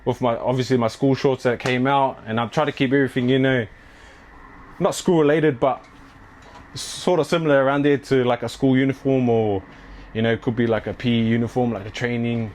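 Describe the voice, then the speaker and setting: A laid-back young man from New Zealand, who owns a clothing brand and is an athlete, chats casually in an interview at his apartment. He sounds slangy and uses many fillers, speaking fairly quickly in a medium-pitched, a little mellow voice with fairly even intonation. A little hiss or hum is audible.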